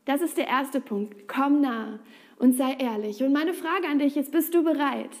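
Eine Frau, die ernst, direkt und im Gesprächston predigt. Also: female voice, sits high, normal speed, a little mellow. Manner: earnest, direct, conversational. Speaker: preacher. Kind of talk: sermon.

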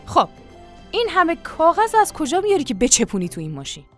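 A woman's voice: very high-pitched, wildly swooping pitch, faint music behind, voice pushed up, exaggerated voice. A woman reading an audiobook, voicing a stern, no-nonsense country wife who speaks sharply and firmly. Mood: stern scolding. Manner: sharp, scolding, firm.

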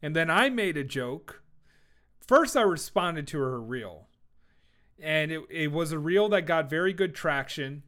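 A man's voice: a little high, expressive, unhurried, a bit bright. A young adult man hosting a casual solo podcast, talking in a rambling, jokey way with lots of swearing, fillers and restarts. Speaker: podcast host.

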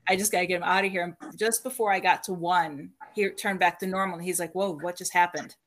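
Speaking fast with a fairly low, somewhat bright voice and fairly even intonation, this woman guests on a podcast. She tells casual stories about her paranormal work, laughing frequently between sentences.

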